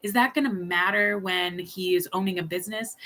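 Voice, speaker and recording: A woman's voice: lowish voice, brisk, sharp tone. A woman in her thirties talking casually as a parenting coach, earnest and thinking aloud, with many fillers, restarts and a repeated "right?". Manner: keeps asking "right?". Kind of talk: casual teaching talk.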